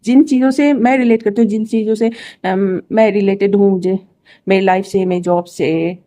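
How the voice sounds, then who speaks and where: Mellow-voiced woman vlogging casually. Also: mid-range voice, fairly even intonation, normal speed. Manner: rambling, restarts and fillers, exasperated asides. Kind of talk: casual chat to camera.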